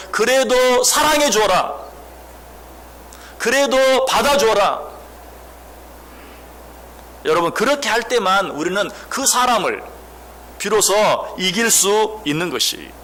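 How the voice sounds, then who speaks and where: Preacher: male pastor, somewhat high voice, sermon delivery with rhetorical questions, faint church room noise. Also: a bit bright. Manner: asks the congregation questions, acts out quoted speech.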